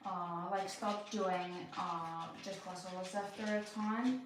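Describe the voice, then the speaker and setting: A young woman hosting a puzzling channel, thinking aloud while she works, talking slowly with many fillers and restarts. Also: medium pitch, steady tone, recorded from a distance. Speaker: speed puzzling channel host. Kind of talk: casual commentary while puzzling. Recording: very echoey room, voice off-mic, faint noise.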